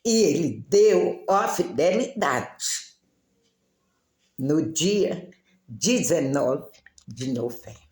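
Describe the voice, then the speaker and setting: A woman's voice: low voice, animated, very slow, pauses often, darkish tone, roomy sound. A middle-aged woman giving a religious testimony in church, telling her story with feeling and acting out the dialogue.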